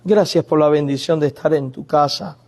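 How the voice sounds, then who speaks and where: A man's voice: a little high, moderate pace, darkish tone. A male pastor preaching a sermon, telling a family story and acting out the pleas he quotes.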